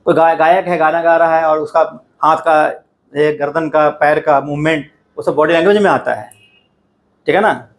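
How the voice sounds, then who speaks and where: A man's voice: a little high, normal speed. A middle-aged man teaching a class, lecturing students directly in a conversational classroom style and often checking they follow. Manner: addresses students directly, repeats "ठीक है ना" often. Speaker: coaching teacher.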